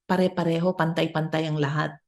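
Filipino woman, radio co-host, chatty, lowish voice, many fillers. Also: level tone, a little fast, vocal fry, a little mellow. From Philippines. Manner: chatty, mixes English into Tagalog, many fillers. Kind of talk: casual radio chat, Taglish. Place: in Australia.

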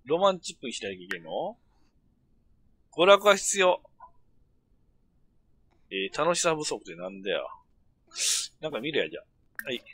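A man's voice: on the high side, very animated, normal speed, pauses often, fairly bright tone, husky, no room sound. A middle-aged man, muttering and grumbling his way through casual game commentary with sudden outbursts. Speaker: gameplay commentator.

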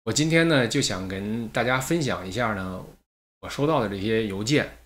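A man's voice: on the low side, lively intonation, normal speed, fairly bright tone. A man hosting a casual livestream. He chats to viewers about his mic and then reads a listener's letter aloud. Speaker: livestream host. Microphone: streaming mic with a noise gate.

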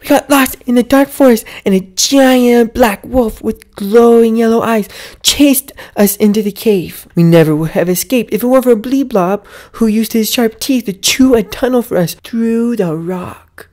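A woman voicing an eager little boy in a storybook, talking urgently in a high voice. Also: moderate pace, a little mellow, natural voice. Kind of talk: storybook character voice.

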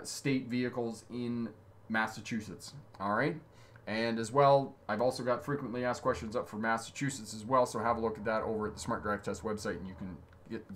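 A man's voice: medium pitch, fairly bright tone. A man in his fifties, originally from Ontario, hosts a casual webcam livestream from a small home studio. He reads viewer comments aloud and answers them as a driving instructor, keeping his replies upbeat and encouraging. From Ontario, Canada. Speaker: driving instructor and channel host. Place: indoor home studio with signs on the wall.

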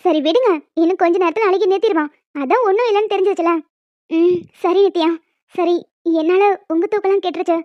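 Woman doing a squeaky young wife for a cartoon, fast talker, dry dull mic. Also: dry recording. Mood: emotional chat. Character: young wife and women of a family. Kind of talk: homemade animated family story.

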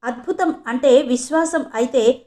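A woman reading as a protective middle-aged man in a storybook, speaking earnestly and with resolve. The voice sits high. The lines come steady and firm. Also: a little slow. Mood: resolute. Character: determined man in middle age, protective of a child.

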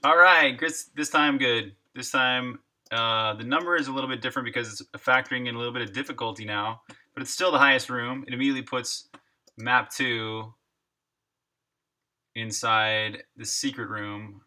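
A man's voice: medium pitch, moderate pace, bright, forceful tone. A man live-streaming while he codes a game, chatting casually, reading viewer comments aloud and laughing often.

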